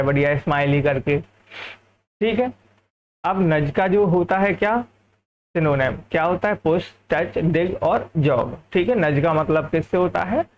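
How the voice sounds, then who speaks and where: A man from India teaching a lively English vocabulary lesson, often checking whether the class has understood. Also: fairly high pitch, lo-fi sound, a little hiss or hum.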